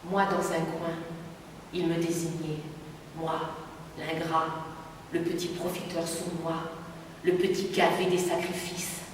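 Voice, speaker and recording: A woman giving a theatrical literary reading in a dark, brooding manner, often dropping low and hushed. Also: little pitch movement, slow, pauses often, recorded from a distance, slight background noise. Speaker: actress reading. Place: theater stage. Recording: echoey hall recorded from afar.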